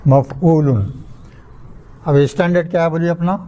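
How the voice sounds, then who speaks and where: A man's voice: fairly high pitch, dark tone, slight background noise, poor audio. An older man from India, teaching a grammar class in a mosque. He quizzes his students and sounds out word patterns syllable by syllable. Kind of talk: classroom lecture.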